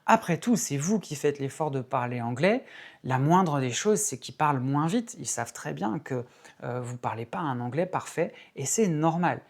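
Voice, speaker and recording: A woman, an English teacher, explaining patiently and clearly in a video lesson, stressing key words by repeating them. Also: sits low, expressive, normal speed, a little mellow.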